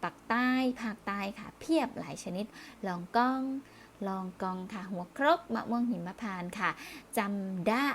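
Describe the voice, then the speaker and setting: A woman's voice: medium pitch, measured pace, slight background noise. A woman teaching primary school children in a recorded review lesson, speaking patiently, repeating words and closing phrases politely.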